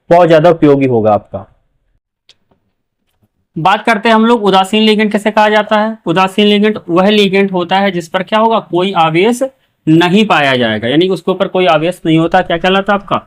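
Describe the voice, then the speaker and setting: A man's voice: high voice, clear, resonant tone, low-quality recording. A male chemistry teacher giving a lecture, asking his students questions and repeating each answer himself. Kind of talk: classroom lecture.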